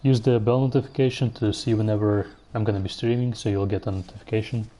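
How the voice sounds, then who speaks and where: A man's voice: fairly low pitch, quick pace, slight background noise. A man streaming a video game live, chatting casually and thinking aloud as he plays and answers viewers. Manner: relaxed, musing aloud while playing, answering chat. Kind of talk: casual gameplay commentary.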